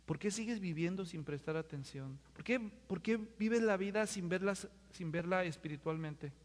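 A man's voice: sits high, normal speed. A male pastor, preaching a sermon and firing rhetorical questions at the congregation. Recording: long hall reverb.

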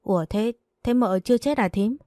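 A woman's voice: on the high side, normal speed, dark tone, no room sound, lightly acted. A woman voicing a tearful, clueless young maid. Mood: bewildered.

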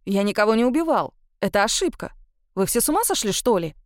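A brash young Frenchman, as a woman reads him, quick with a joke and a grin. Her voice drops a touch for him, and the storybook read is close and dry. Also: a little high, dry recording. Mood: bewildered. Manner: brash, joking, lively. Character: cocky young Frenchman, cheerful then frightened.

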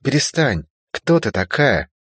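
A man voicing a frightened, injured young girl who pleads hoarsely in pain. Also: lowish voice, expressive, takes it slowly, no echo, studio quality, pitched above the performer's own voice, full character voice.

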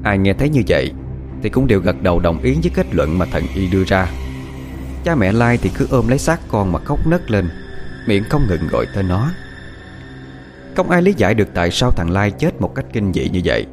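A man's voice: on the low side, very animated, fairly quick, over music. A man narrating a horror story with dramatic storytelling.

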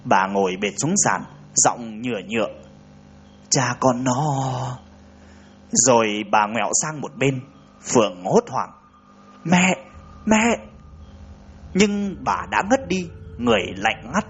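A man's voice: very animated, normal speed, fairly bright tone, slight background noise. A man reading a ghost story aloud, raising his voice for the frightened women's lines. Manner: reads dialogue with raised, urgent pitch for women's lines. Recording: dull lo-fi recording.

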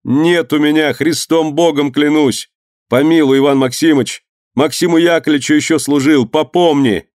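Brief: a desperate, hoarse old servant man begging for mercy, voiced by a male reader. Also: on the low side, moderate pace, a little mellow, no echo, clean studio sound, close to an everyday voice. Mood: pleading.

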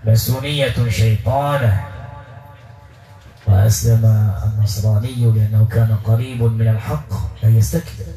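A man's voice: on the low side, little pitch movement, a little fast, few pauses, mellow. Insistent man commanding a spirit. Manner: insistent, commanding, repeats phrases over and over. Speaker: ruqya healer. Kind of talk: ruqya exorcism session addressing a patient. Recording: echoey room with faint music.

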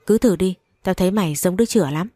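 A woman's voice: fairly low pitch, fast, dark tone, dry recording, studio quality, close to an everyday voice. A woman voicing a stern middle-aged mother who scolds and laments. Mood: scolding.

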